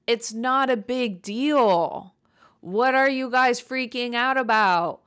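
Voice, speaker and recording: A young woman from Chicago hosting her own podcast in casual, blunt, joking chat, with vocal fry and a dry voice. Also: a little high, slow, fairly bright tone, dry recording. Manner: blunt, joking, swears freely. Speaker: podcast host.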